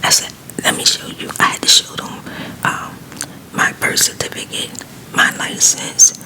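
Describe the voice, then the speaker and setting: Woman whispering a quiet ASMR storytime. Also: moderate pace, low-quality recording. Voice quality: breathy unvoiced whisper. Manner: conversational, rambling storytelling with asides.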